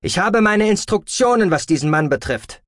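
A man's voice: sits high, expressive, moderate pace, no room sound, clean studio sound, voice pushed up. A man voicing a young, stern alien fleet commander who speaks curtly, in a German audiobook. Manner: curt and commanding.

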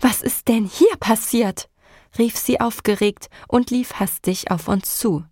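A woman narrating a novel in the first person, with measured, emotional storytelling. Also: medium pitch, dry recording, studio quality. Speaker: audiobook narrator.

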